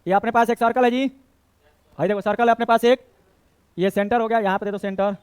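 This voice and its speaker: Male maths teacher, high clear voice, dry close sound, chatty and scolding. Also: fairly even intonation, fast talker, dry recording. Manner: chatty, scolds and jokes with students, mixes Bhojpuri words. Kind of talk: classroom lesson.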